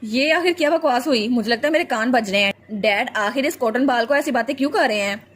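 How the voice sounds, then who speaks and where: A woman's voice: fairly high pitch, brisk, a bit bright. A woman voicing a grumpy, sarcastic young brother who bullies his sister with magic. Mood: grumbling.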